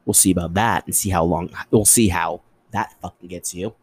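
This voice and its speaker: A young man hosting his own podcast, chatting casually and animatedly, swearing often and jumping up in pitch for emphasis. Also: steady tone, moderate pace, breathy edge, rough recording. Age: young adult. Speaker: podcast host. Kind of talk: casual solo podcast chat.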